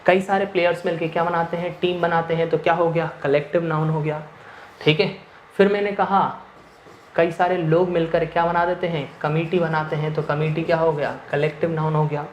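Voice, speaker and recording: A man's voice: fairly high pitch, little pitch movement, fairly quick, dull audio. Man teaching grammar in an echoey room. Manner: asks rhetorical questions and answers them himself; switches between Hindi and English mid-sentence. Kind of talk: Hindi-English grammar lecture. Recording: echoey room with faint noise.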